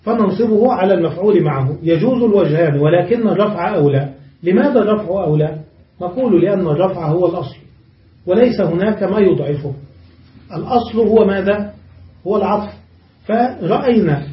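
High-pitched guy teaching grammar class, keeps asking the room questions, echoey and muffled, sounds far off. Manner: explains step by step with rhetorical questions.

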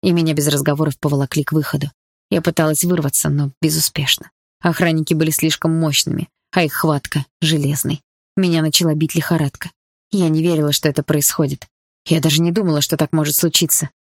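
A woman's voice: low-pitched, little pitch movement, quick pace, no echo, clean studio sound. A woman reading a first-person novel aloud in a tense, earnest manner. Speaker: audiobook narrator.

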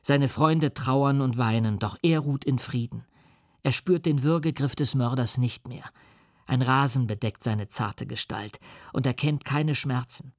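A man voicing a gentle, consoling young friend. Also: medium pitch, a little slow, no room sound, studio quality. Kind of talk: literary reading.

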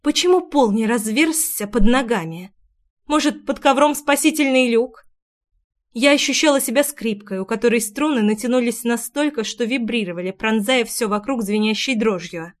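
A woman's voice: on the high side, normal speed. A woman narrating a first-person audiobook in an intimate, emotional reading.

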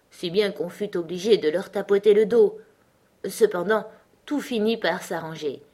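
A woman narrating a children's classic as an audiobook in a measured, clear manner. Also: medium pitch, a little mellow. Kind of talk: audiobook reading.

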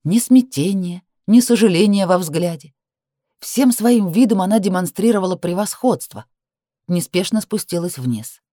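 A woman narrating a first-person romance novel with an expressive, emotional reading. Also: lowish voice, moderate pace, no echo, studio quality. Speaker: audiobook narrator.

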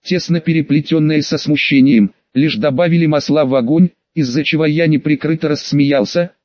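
A man narrating a first-person audiobook in an even, wry storytelling manner. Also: fairly high pitch, moderate pace, no room sound. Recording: dull, lo-fi and dry.

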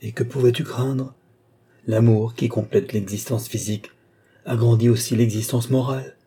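A man voicing a young woman under a trance who tenderly and slowly describes her visions in a storybook reading. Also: medium pitch, steady tone, warm tone, breathy edge. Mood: dreamy entranced. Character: young woman, entranced clairvoyant, tender and devoted.

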